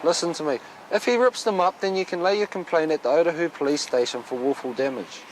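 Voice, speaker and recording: Male cop, broad Kiwi accent, higher-pitched voice, blunt and matey, recorded on a noisy street. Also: quick pace. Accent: broad New Zealand. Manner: blunt, firm, colloquial. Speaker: police officer. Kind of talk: on-the-job talk with members of the public. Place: outdoors on a residential street. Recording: noisy outdoor location sound with traffic.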